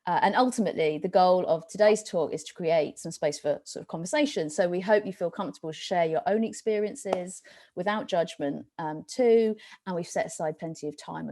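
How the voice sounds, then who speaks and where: A woman hosting an online event, introducing the speaker in a measured, welcoming way with some fillers. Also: low-pitched, vocal fry, dark tone, dry recording. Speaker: event host.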